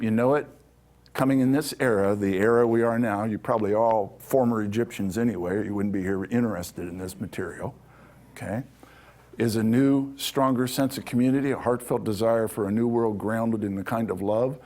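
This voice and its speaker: A fairly low, slightly mellow male voice carries an informal hall lecture about ancient Egyptian spirituality. The speaker stays conversational, adding "okay?" to his points as he moves along.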